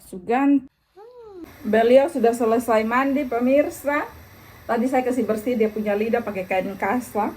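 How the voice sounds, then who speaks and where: Chatty mom vlogging at home. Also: female voice, fairly high pitch, moderate pace, slight background noise. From Indonesia. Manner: chatty, coos softly to her baby, sometimes drops to a hush. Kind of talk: casual home vlog talking to viewers.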